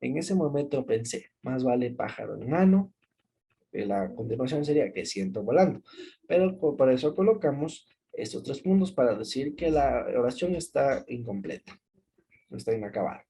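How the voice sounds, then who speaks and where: A man's voice: mid-range voice, lively intonation, normal speed, mellow, slight background noise. A male teacher with an Ecuadorian Spanish accent, giving a recorded class lesson. He explains step by step and checks in with a rising "¿sí?".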